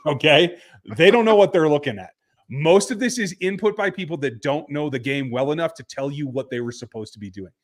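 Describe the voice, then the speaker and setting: Male podcast host, mid-pitched, blunt and laid-back, lots of "um"s and restarts, on a remote call. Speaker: podcast host reading listener texts. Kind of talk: casual sports talk.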